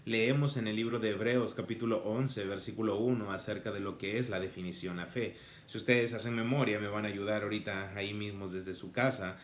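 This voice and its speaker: A man preaching a sermon to listeners at home, reading scripture slowly and then lifting his voice to act out the passage. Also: fairly low pitch, fairly even intonation, echoey room, slight background noise.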